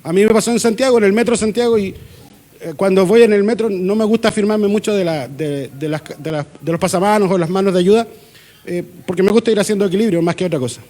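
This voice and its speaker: A Chilean man preaching to his congregation in a fairly high voice. He keeps it conversational, slipping into short acted-out exchanges and light jokes as a pastor. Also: quick pace, dark tone. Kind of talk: sermon. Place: church.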